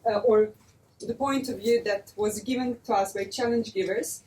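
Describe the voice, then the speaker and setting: Young woman, higher voice, student presenter, distant mic with faint room hum. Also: warm tone. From Serbia. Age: young adult. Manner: measured, with frequent uh fillers. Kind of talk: project presentation.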